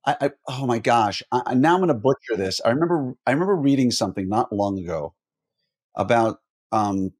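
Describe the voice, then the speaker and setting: A man's voice: medium pitch, animated, brisk, darkish tone. A man hosting a podcast interview who rambles, corrects himself and jokes as he sets up questions. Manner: rambling, self-correcting, jokey. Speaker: podcast host. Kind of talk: conversational interview.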